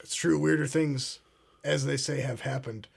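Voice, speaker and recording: In a comedic mock talk show, an actor plays a pompous, paranoid conspiracy host who speaks grandly and ominously, addressing "ladies and gentlemen" in a grave mood. His voice is medium-pitched, gravelly and husky, with fairly even intonation at a normal speed.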